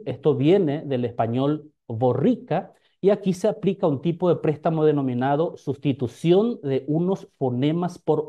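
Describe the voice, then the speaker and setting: Mellow-voiced man giving an academic talk. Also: medium pitch, lo-fi sound. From Paraguay. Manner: careful, explanatory, walks through examples one by one; hesitant pauses with "eh". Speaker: linguistics researcher presenting a paper. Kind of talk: academic conference presentation.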